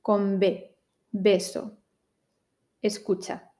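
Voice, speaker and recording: A woman teaching pronunciation, saying each word slowly and carefully in a listening drill. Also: mid-range voice, little pitch movement, dark tone. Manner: very slow, carefully articulated minimal pairs.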